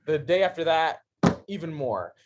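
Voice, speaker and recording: Recorded on a podcast microphone with a faint hiss or hum, this thirty-something male guest recounts his story in a laid-back interview. He laughs a lot and alternates between excited energy and quiet sincerity, speaking at a normal pace in a voice on the higher side.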